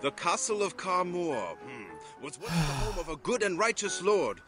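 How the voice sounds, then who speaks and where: A pompous old French sea captain. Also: male voice, a little high, very animated, moderate pace, over music. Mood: mysterious. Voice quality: pompous, grandiose storyteller. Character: boastful old French sea captain, proud of his title. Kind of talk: game voice acting.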